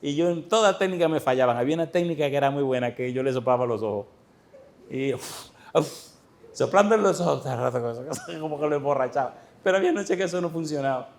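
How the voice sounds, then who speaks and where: A middle-aged man, a pastor telling stories in a sermon to a church congregation, swinging between loud exclamations and hushed, tender asides. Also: fairly high pitch, expressive, fast talker. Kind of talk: storytelling sermon.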